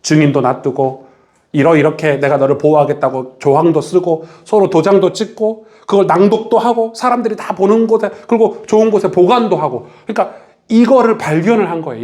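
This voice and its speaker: A man's voice: a little high, fairly quick. A male pastor giving a Bible study lecture in a church, often asking his listeners questions. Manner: animated, asks the audience questions.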